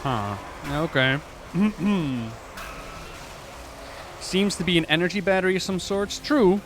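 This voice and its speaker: A man's voice: high voice, slow, noisy background. A man giving casual livestream game commentary, rambling and musing aloud in a playful way. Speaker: game streamer and lore commentator. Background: game music and effects.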